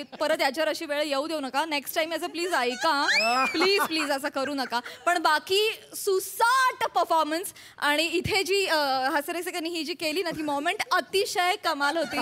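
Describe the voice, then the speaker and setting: A woman's voice: sits high, pushed and bright. A woman judging a comedy show, gushing with appreciative praise. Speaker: show judge. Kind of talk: enthusiastic praise and feedback. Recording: audience and noise behind.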